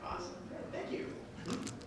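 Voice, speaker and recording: A man moderating a convention panel, upbeat and hyping up the crowd. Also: moderate pace. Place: large convention hall. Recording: echoey hall, far off, crowd noise.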